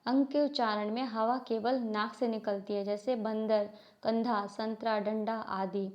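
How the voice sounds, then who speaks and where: A woman's voice: fairly high pitch, level tone, unhurried. A woman teaching a grammar lesson, reading definitions, asking questions and answering them herself, and spelling out letters one by one. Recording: dull lo-fi recording.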